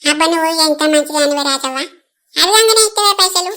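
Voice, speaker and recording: A sly old village woman wheedles and protests in a high, bright cartoon voice, as a woman plays her. She flatters her way toward a loan. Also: fast talker, heavily acted. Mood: wheedling. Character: scheming old village woman begging money. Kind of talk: cartoon voice acting.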